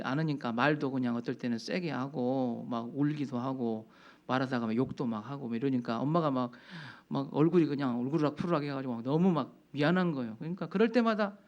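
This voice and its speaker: A man's voice: mid-range voice, dull audio. A male pastor preaching a sermon, telling a counseling story in a conversational way and often stopping to affirm his own point.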